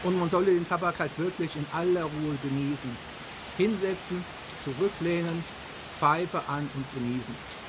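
Relaxed man talking around a pipe. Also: on the high side. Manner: slow, relaxed, savoring pauses. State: pipe in mouth. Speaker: pipe tobacco reviewer. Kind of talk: calm spoken product review. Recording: steady background hiss.

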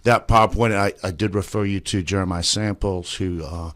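Middle-aged man from Zimbabwe, very low voice, plainspoken radio guest with halting fillers. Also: steady tone, a bit bright. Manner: plainspoken, frequent fillers and restarts. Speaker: state delegate guest. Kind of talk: radio talk show interview. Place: small office, indoors. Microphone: studio mic with headphones, remote video link.

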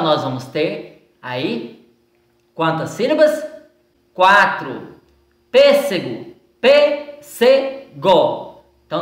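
Woman, Brazilian accent, teacher reviewing homework; slow, animated delivery, roomy echo. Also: low-pitched. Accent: Brazilian Portuguese. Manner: slow and patient, stretching words out syllable by syllable. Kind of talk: recorded lesson going over exercises. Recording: echoey room sound.

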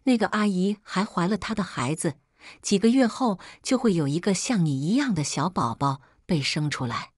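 A woman narrating a dramatic story in a calm, measured way with lively emotion. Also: fairly low pitch, husky, dry recording, studio quality.

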